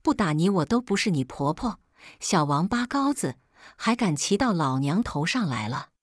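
A woman voicing a furious, bullying old grandmother who shouts and scolds shrilly. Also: fairly low pitch, very animated, moderate pace, no room sound, studio quality. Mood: raging.

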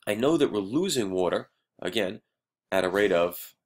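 A man's voice: on the low side, lively intonation, moderate pace. A male teacher, feeling under the weather, recording a math lesson for his students and explaining each step patiently, often checking in with "right?".

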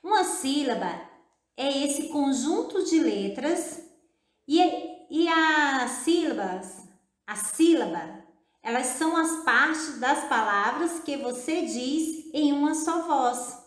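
A woman teacher giving a video lesson to children, speaking in a slow, drawn-out, encouraging way and repeating words syllable by syllable. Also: sits high, expressive. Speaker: primary school teacher. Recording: echoey room.

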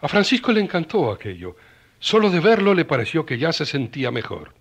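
An actor narrating a religious radio serial in a folksy, old-style storytelling manner. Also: male voice, on the high side, sing-song, a little fast, breathy edge, no room sound, heavily acted.

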